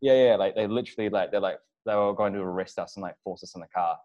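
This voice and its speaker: A man's voice: low-pitched, fairly even intonation, fast, darkish tone. A man telling a travel story casually, rambling with lots of fillers and restarts. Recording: dull lo-fi audio.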